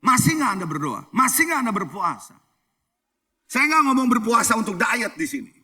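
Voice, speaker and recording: A man's voice: very high-pitched, big pitch swings, normal speed, bright, forceful tone, slightly rough. A middle-aged male pastor preaching a sermon. He tells stories, asks the congregation questions and mixes English phrases into his preaching. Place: church hall.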